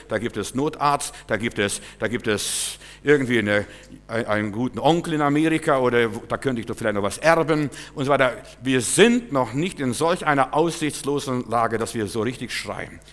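A middle-aged pastor preaches a sermon with emphasis, shifting between loud, urgent bursts and soft, quiet asides. A long reverb makes his voice ring out as though he's in a large church hall.

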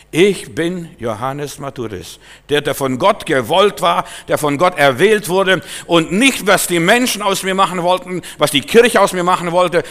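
A man preaching an emphatic sermon, swinging from loud exhortation to quiet, searching questions. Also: a little high. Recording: long hall reverb.

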